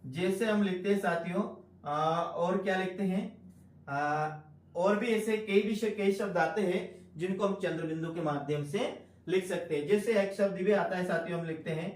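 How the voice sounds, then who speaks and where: A man's voice: high-pitched, distant mic. A man teaching Hindi grammar in an online exam-prep lecture, repeating key terms and asking the class questions. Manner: addresses listeners as friends, slow deliberate emphasis. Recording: echoey room, voice off-mic.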